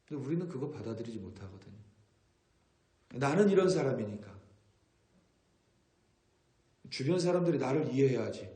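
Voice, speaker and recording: A man delivers an earnest sermon as a pastor, his voice in a middle register. He grows more forceful when he reads scripture aloud. The sound rings around an echoey church hall. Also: mid-range voice. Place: church sanctuary.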